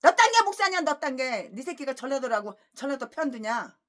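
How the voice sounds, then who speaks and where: A woman pastor preaching an expository sermon, breaking into angry, abusive tirades that swing between shouting and low muttering. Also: very animated, brisk.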